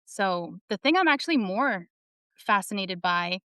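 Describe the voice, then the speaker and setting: A woman's voice: medium pitch, animated, measured pace, sharp tone, clean tone, dry recording, clean studio sound. A young woman on a discussion panel, a student, speaking bluntly and swearing freely. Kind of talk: casual discussion.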